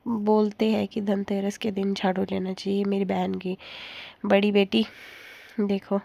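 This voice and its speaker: A woman's voice: mid-range voice, monotone, a little slow, vocal fry, mellow, no echo. A young woman narrating her day for her vlog in a chatty, rambling way, laughing now and then. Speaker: vlogger.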